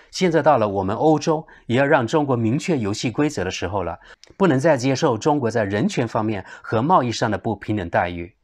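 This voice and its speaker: A man from China reads a translated newspaper editorial aloud to his viewers, breaking in with scornful, indignant asides. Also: mid-range voice. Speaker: video blogger translating press articles.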